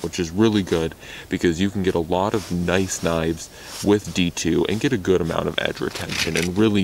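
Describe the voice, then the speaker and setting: Young American man, outdoor gear vlogger: deep and gravelly, rambling and eager. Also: slight background noise. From United States. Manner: rambling, self-correcting, enthusiastic about gear. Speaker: knife reviewer. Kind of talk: casual gear review. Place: outdoors in snow.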